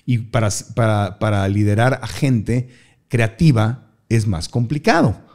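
A middle-aged Mexican man with a Mexican accent, a guest in a casual interview who tells lively stories and mimics people. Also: fairly low pitch, unhurried. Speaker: guest, speaker.

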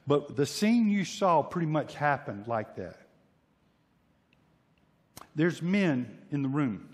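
A man's voice: on the high side, big-room sound. A male pastor preaching a sermon with emphasis, often repeating and restarting words and acting out imagined voices. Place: church sanctuary.

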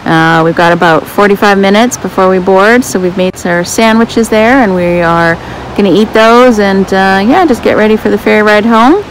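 A middle-aged woman chatting casually through a family travel vlog, relaxed and upbeat, filming on a phone. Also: mid-range voice, moderate pace, a little hiss or hum. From Canada. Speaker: family vlogger. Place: outdoors and in a car on a road trip. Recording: music playing under the voice.

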